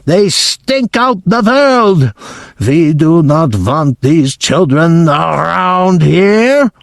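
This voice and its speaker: A man reading aloud and voicing a tyrannical female witch leader who screams slowly in stiff, clipped phrasing. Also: on the high side, big pitch swings, vocal fry, no room sound, studio quality, voice pushed up, full character voice. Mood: ranting. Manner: slow, screaming, clipped foreign-sounding syntax.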